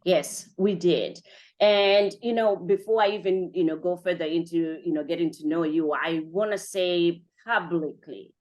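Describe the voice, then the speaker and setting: A woman hosts an interview with a slightly low voice, gushing with thanks and chatting freely. She strings her thoughts together with frequent 'you know' fillers, keeping a talkative, conversational flow. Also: measured pace, a little mellow. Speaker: podcast host.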